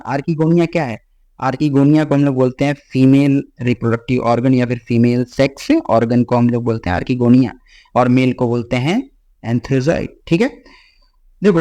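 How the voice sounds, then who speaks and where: A man teaching a biology exam-prep lecture. He mixes Hindi with English lines he reads slowly and keeps checking in with "theek hai.". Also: on the high side, mellow. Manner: repeats "ठीक है" as a check-in with students.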